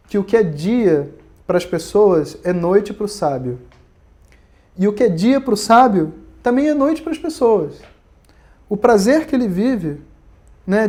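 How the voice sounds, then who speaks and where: Warm and high-voiced, a Brazilian Portuguese-accented man delivers a recorded online Vedanta lecture. He keeps things conversational and narrative, regularly tagging questions onto his sentences.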